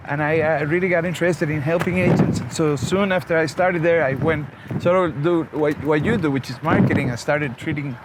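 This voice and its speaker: A man's voice: a little high, brisk, hardly any pauses, heavy background noise. A man from Costa Rica, a guest telling his story in a friendly, talkative way. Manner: friendly, talkative, many restarts. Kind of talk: conversational interview. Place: outdoors in a vehicle. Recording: music playing behind.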